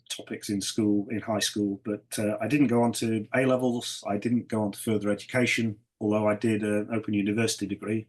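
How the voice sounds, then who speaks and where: Croaky middle-aged man with a cold. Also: on the low side. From North Wales. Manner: dry, understated humour. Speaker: guest, ecologist. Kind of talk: casual interview.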